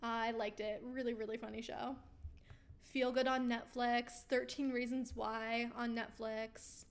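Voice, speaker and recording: This woman, whose voice is on the high side, runs a weekly live question-and-answer stream, casually chatting and reading viewer comments while losing her voice. Her delivery is flat and unhurried, yet her manner stays chatty and upbeat, with plenty of ums and easy laughter.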